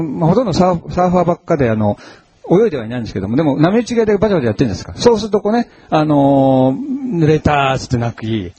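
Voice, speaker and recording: Male pastor, mellow husky tone, lively conversational sermon, dry close sound. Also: on the high side, dry recording, dull audio. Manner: conversational, animated preaching with frequent fillers.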